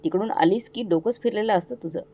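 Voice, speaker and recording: A woman's voice: mid-range voice, fairly quick, lightly acted. A woman doing a cruel, commanding young husband. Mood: angry. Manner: shouting, commanding.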